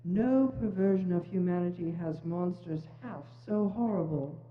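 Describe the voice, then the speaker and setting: A woman's voice: on the low side, moderate pace, a little hiss or hum, natural voice. Solemn, echoing Christmas spirit played by a woman. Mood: stern warning. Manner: solemn, declamatory. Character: solemn, stern aging Christmas spirit, foreboding. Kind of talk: amateur dramatic reading on stage. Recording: muffled, echoey church hall.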